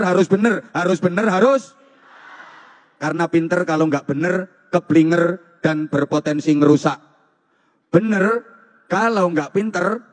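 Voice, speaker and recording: A man with a Javanese accent giving a humorous sermon to students, teasing his audience and repeating phrases in a rhythmic, jokey way. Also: a little high. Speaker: preacher. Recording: long hall reverb.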